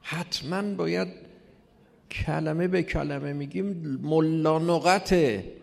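A man's voice: a little high, vocal fry. A man giving an informal religious lecture, telling it with rhetorical questions and mocking asides. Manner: rhetorical, mocking, lively storytelling. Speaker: religious speaker. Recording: long hall reverb.

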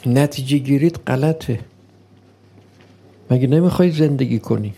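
A man giving a sermon, speaking slowly and deliberately, posing rhetorical questions and acting out the voice of an imagined opponent. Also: mid-range voice, vocal fry, mellow, breathy edge. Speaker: preacher.

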